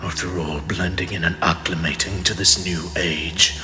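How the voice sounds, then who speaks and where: A man's voice: sits low, steady tone, normal speed, pushed and bright. A man playing a haughty, betrayed immortal king in a fantasy audio drama, pompous and sardonic in formal archaic speech. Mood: grudging. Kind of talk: dramatic audio roleplay monologue. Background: music.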